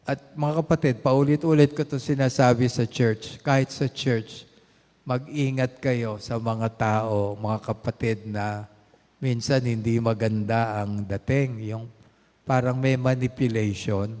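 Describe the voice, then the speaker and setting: An older male pastor preaches slowly and deliberately, with a mellow, darker tone. He switches between two languages and climbs to emphatic stresses on key phrases. His voice carries a long hall reverb. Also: mid-range voice, fairly even intonation. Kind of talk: sermon.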